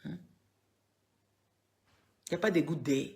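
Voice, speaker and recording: A woman's voice: low-pitched, unhurried, mellow. A woman from Congo, giving political commentary on a live stream. She lectures her viewers, scolding and emphatic, and repeats words for force. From Democratic Republic of the Congo.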